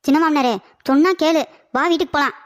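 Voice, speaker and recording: A woman voicing a loud, teasing young friend who shouts at a half-deaf old man, in a cartoon comedy. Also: high voice, steady tone, fast, noisy background, close to an everyday voice.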